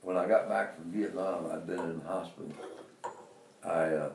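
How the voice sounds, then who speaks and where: A man's voice: sits low, steady tone, moderate pace, creaky, a little mellow, echoey room, distant mic, slight background noise. An older man with an Appalachian accent, telling rambling stories from his life and chuckling often. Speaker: interviewee, father. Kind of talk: casual storytelling.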